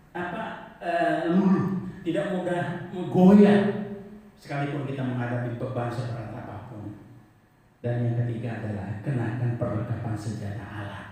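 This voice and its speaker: A middle-aged man, a pastor, preaching a sermon with personal testimony, swinging between loud, high exhortation and soft, low confiding. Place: large church hall. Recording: echoey hall, voice from far off.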